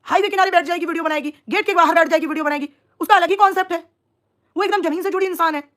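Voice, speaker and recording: A woman's voice: very high-pitched, steady tone, rapid-fire, a bit bright. A young woman chatting on a live stream, teasing and mocking rivals while talking to her viewers. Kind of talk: casual live stream chat.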